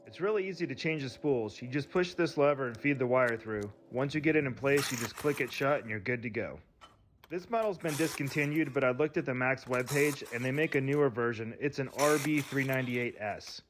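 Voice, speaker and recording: A man's voice: mid-range voice, a bit bright, slight background noise. A man giving a matter-of-fact demo of a tool at a construction site. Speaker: tool reviewer. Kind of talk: product demo narration.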